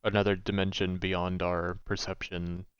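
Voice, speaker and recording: Male co-host, smooth low voice, reflective casual chat, dull lo-fi recording. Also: little pitch movement, normal speed. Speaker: podcast co-host. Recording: dull lo-fi audio.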